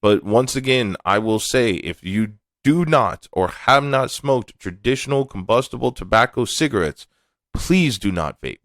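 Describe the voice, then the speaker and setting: A man's voice: mid-range voice, lively intonation, unhurried, a bit bright, no echo. A man hosting a podcast, talking alone in a candid, laid-back way and swearing casually. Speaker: podcast host. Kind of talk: casual monologue.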